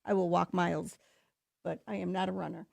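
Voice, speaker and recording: A woman's voice: on the low side, little pitch movement, a little fast, vocal fry, a little mellow, no room sound. A woman in her fifties co-hosting a health radio show, speaking in an earnest, agreeable and casual way. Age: 50s. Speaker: radio co-host. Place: radio studio.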